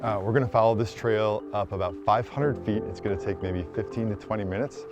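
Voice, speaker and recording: A rock climbing guide talks plainly and encouragingly outdoors, on a wooded trail and cliffs, mixing casual interview talk with on-location instruction. His voice is fairly low and fairly quick, with loud music playing behind it.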